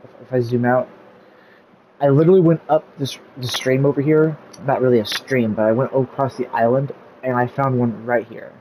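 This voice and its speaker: This gaming YouTuber speaks at normal speed with a steady, dark, medium-pitched voice while commentating a casual gameplay tutorial. He rambles, uses lots of fillers, gets sidetracked, and notes he's losing his voice. The low-quality recording has slight background noise.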